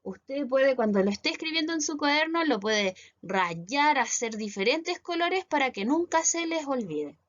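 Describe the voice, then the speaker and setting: A woman's voice: sits high, expressive, normal speed, hardly any pauses, lo-fi sound. A woman teacher with a Chilean accent, giving a recorded class step by step and often checking that her students follow. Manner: explains step by step, often asks "¿cierto?" to check understanding. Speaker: English teacher.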